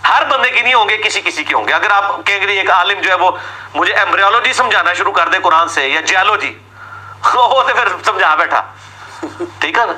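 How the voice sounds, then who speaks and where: A man's voice: high-pitched, expressive, pushed and bright, poor audio. A man giving an argumentative religious talk, asking sarcastic rhetorical questions and mimicking his opponents. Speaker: religious lecturer.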